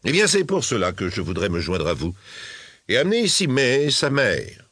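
A man voicing a gruff, scornful older toy merchant in a storybook reading. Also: medium pitch, wildly swooping pitch, normal speed, fairly bright tone, dry recording, pitched above the performer's own voice, full character voice. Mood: pushy. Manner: grumbling, scornful, curt.

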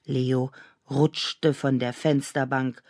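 A woman, the author, calmly and expressively narrating a children's audiobook. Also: rumbling low, slow, dry recording, studio quality. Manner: calm, storytelling, expressive. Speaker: author reading her own book.

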